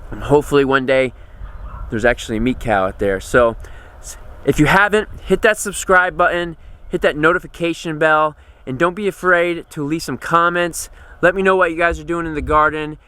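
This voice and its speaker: Higher-voiced American man, casual farm vlogger. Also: normal speed, sharp tone, clean tone. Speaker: homesteading vlogger. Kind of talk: casual walk-and-talk vlog monologue. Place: outdoors on a farm.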